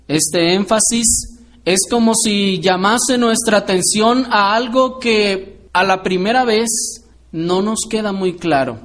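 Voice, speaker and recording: A man's voice: sits high, a bit bright. A man preaching a Bible lesson to a congregation, explaining patiently and asking the listeners rhetorical questions. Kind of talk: sermon-style Bible teaching.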